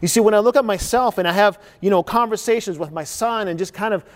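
High-pitched pastor in his 40s, earnest and searching, lots of rhetorical questions, big reverberant hall. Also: fast talker. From Chile. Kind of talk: sermon.

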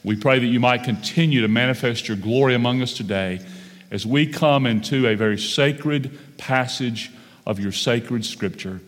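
A pastor preaching a sermon at a pulpit microphone in a church sanctuary, speaking in a measured way, slowing down on key phrases and often saying "uh" and "um". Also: male voice, medium pitch. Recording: long church hall reverb.

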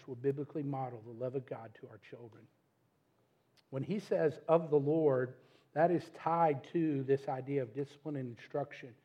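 A man's voice: medium pitch, mellow. Pastor guy preaching, middle aged, talks right at the crowd, kinda muffled recording. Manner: emphatic, addresses the congregation directly. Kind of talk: sermon.

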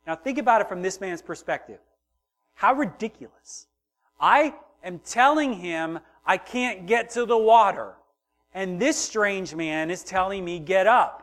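A middle-aged male pastor delivers a sermon in a voice pitched a little high. He swings between soft, intimate passages and loud, emphatic build-ups, slipping into the voices of the people in his story. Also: expressive, unhurried.

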